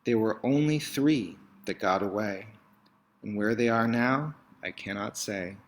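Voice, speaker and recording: A man with a fairly low voice reads a children's picture book aloud at a measured pace. His reading is expressive and theatrical, full of emphatic swells and dramatic hushes.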